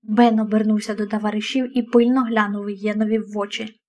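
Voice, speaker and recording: A woman narrating a novel aloud in a steady, even reading voice. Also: mid-range voice, a little fast. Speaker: audiobook narrator.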